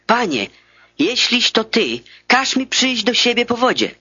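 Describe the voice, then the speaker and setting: A man's voice: very high voice, very animated, measured pace, bright, forceful tone, slightly rough, voice pushed up, exaggerated voice. A man reading the lines of an anxious male disciple, earnest and pleading. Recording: dull lo-fi dry recording.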